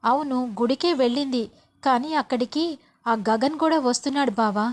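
A woman's voice: high voice, moderate pace, natural voice. A woman voicing a sly, scheming middle-aged mother who coaxes and insists. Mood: insistent. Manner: coaxing, insistent.

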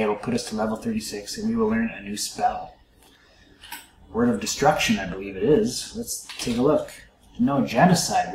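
A man's voice: lowish voice, darkish tone, roomy sound, slight background noise, low-quality recording. A man hosting a let's play, musing aloud to his viewers in casual gameplay commentary.

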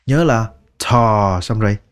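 A man with a Vietnamese accent gives a patient English lesson and says each word of a phrase one by one. He speaks slowly. His voice sits a little low. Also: clean tone. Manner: slow, patient, repeats words one by one. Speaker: English teacher. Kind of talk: language lesson narration.

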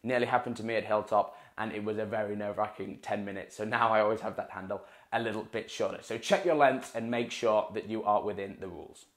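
A man's voice: fairly low pitch, fairly even intonation, fast, few pauses. Young male coach, casual to-camera tutorial, repeats for emphasis; lapel mic, small room. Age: young adult. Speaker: water-ski coach. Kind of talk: instructional talk to camera. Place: small indoor room in front of a dark wall. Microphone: clip-on lapel mic.

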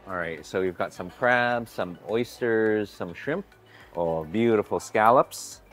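A food vlogger in his forties narrates a casual, upbeat vlog while walking through a hotel buffet restaurant, chatty and often greeting staff warmly. His fairly low-pitched voice is expressive and slow, with faint music behind.

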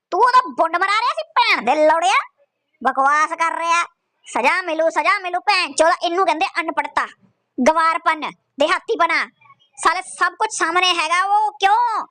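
A woman's voice: very high-pitched, bright, forceful tone. A woman roasting someone in crude, mocking, scolding commentary full of profanity.

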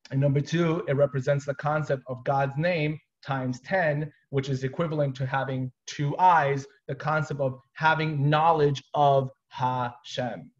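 Energetic man teaching over a video call. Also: a little high. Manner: energetic, explains step by step, casual asides. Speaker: Torah teacher. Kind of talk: live online Torah class. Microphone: webcam on a video call. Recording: dull lo-fi video call audio.

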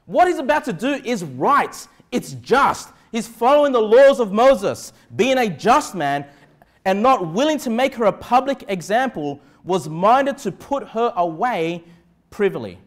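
A middle-aged Australian man preaches as a pastor in a high, sing-song voice at a measured pace. Emphatic yet conversational, he often checks that listeners follow. He speaks from an indoor church pulpit in a small room, recorded on a clip-on lapel mic.

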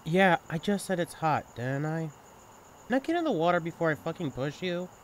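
Playful and teasing in mood, a young adult man with a higher voice and big pitch swings speaks at a moderate pace, acting as a sibling's best friend in an intimate audio roleplay. He's candid, casual, and caring as he teases. Crickets and insects chirp in the outdoor night ambience, with slight background noise.

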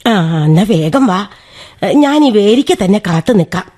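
In a lightly acted radio drama, a woman plays a plain-spoken old village great-aunt who is chatty, brisk and busy, quoting proverbs and mildly chiding. Her medium-pitched voice is expressive and unhurried, with loud music playing behind it.

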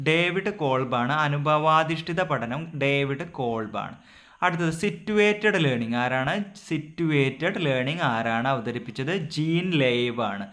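A man, an exam coaching tutor who runs a rapid-fire revision drill, asking each question and then repeating the answer over and over. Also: medium pitch, sharp tone.

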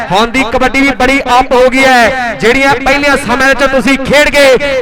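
Male kabaddi play-by-play caller, Punjabi accent, extremely high-pitched, rousing delivery with chanted repetition. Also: rough recording. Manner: chanting, repeating phrases, rousing the spectators. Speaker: kabaddi match commentator. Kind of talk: live play-by-play sports commentary.

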